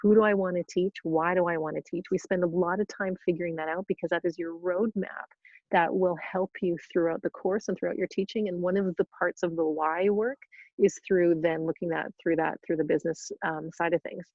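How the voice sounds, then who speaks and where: A woman chats through a live Q&A on a video call, bubbly and full of restarts. Her voice sits fairly low with a gravelly edge. The sound is dry and a little dull, like lo-fi webinar audio. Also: steady tone, fairly quick, a little mellow, dry recording. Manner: chatty, bubbly, with frequent restarts and laughs. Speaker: yoga teacher trainer hosting a webinar. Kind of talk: casual live Q&A, reading questions aloud.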